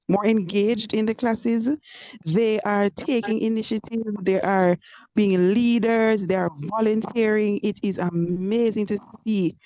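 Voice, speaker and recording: A woman teacher giving parents an update over an online group call, praising them warmly with frequent "you know" fillers. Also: mid-range voice, no echo. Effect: online group call audio, connection breaking up. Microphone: computer or phone mic on a video call. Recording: muffled, lo-fi video call audio.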